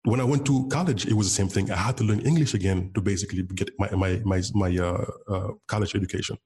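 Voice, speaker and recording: Speaking fast, this Senegalese man has a low voice with a darkish tone; Wolof is his first language. As a bitcoin developer guesting on an interview, he chats informally, full of fillers and frequent restarts.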